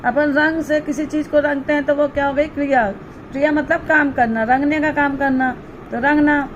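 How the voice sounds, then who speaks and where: A woman teacher going slowly through a primary school Hindi textbook exercise. She spells words out syllable by syllable and asks questions that she answers herself. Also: high-pitched, fairly even intonation, lo-fi sound, a little hiss or hum. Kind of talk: slow classroom walkthrough of a textbook exercise.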